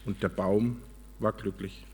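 A man preaching a sermon, telling a story in a calm, earnest way. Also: on the low side, a little slow, breathy edge, long reverb tail.

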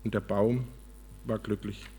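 Slightly husky male preacher telling a story. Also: on the low side, flat delivery, a little slow, warm tone, big-room sound. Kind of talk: storytelling sermon.

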